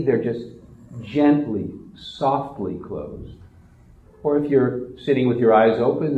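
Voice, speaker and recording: A man leading a guided relaxation meditation in a slow, soft, soothing manner. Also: medium pitch, reverberant, dull audio.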